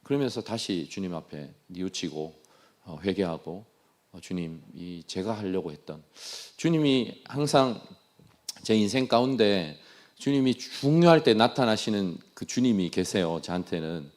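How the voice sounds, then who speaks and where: A man's voice: lowish voice, lively intonation, unhurried, darkish tone. A man from Daegu with a Gyeongsang accent, a missionary giving an earnest, self-deprecating testimony in a sermon, often repeating his phrases. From Daegu, South Korea.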